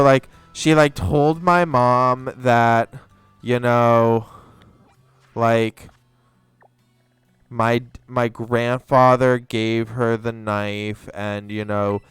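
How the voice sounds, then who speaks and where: A young man with a mid-range, clean-toned voice chats casually while streaming a game. He rambles through a story and swears freely, and the recording is dry.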